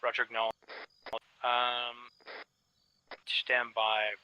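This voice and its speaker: A man's voice: mid-range voice, completely flat delivery, slow, pushed and bright, smooth, no echo. A man giving orders as squad commander over crackly military radio, in procedural phrases broken by hesitations. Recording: muffled band-limited radio voice channel.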